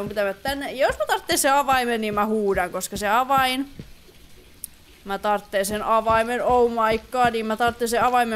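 Woman, high voice, gaming commentary, chatty, easily startled, faint background hiss. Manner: chatty, easily startled, mixes English exclamations. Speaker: gaming YouTuber. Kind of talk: horror game let's play commentary.

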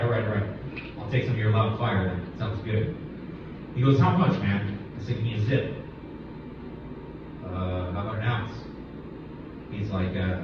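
A man's voice: medium pitch, background noise. A middle-aged man doing laid-back open mic stand-up on a small club stage, acting out dialogue and swearing often. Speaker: stand-up comic. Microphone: handheld mic, filmed from far back in the audience. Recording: echoey club, distant and muffled.

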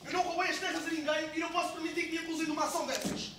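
A woman's voice: very high voice, fairly even intonation, racing. A woman with a European Portuguese accent acting a nervous, hypochondriac young male landowner in an amateur stage play, quarrelsome and complaining. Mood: indignant. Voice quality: agitated, quarrelsome, complaining of palpitations. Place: stage in a hall. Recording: echoey hall from far off, noisy.

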